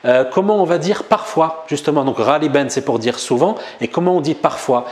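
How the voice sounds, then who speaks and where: A man with a French accent teaching a relaxed language lesson at a whiteboard, chatting and joking, then saying new words slowly and more than once. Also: a little high. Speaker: Arabic teacher. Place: room with a whiteboard.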